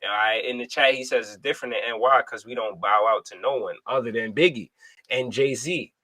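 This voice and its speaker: A man's voice: mid-range voice, brisk, pushed and bright, no echo, low-quality recording. A man co-hosting a casual livestream talk show, musing in a thoughtful, rambling way full of slang. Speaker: podcast co-host.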